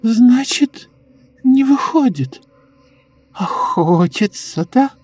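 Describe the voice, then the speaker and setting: A man voicing a sly, sinister old woman who speaks in a slow, eerily calm coo in a horror audiobook. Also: very high-pitched, husky, soft background music, pitched above the performer's own voice, heavily acted. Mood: confiding. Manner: slow cooing, sinister giggles.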